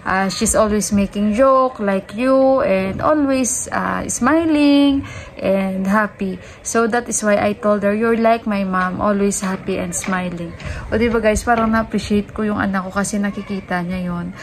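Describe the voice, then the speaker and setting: A chatty woman vlogger, talking casually to her viewers and calling them "guys" all the time. Her voice sits at a mid pitch. Clear background noise and ambient sound run behind her. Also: measured pace, rough recording. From Western Visayas, Philippines. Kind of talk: casual vlog chat.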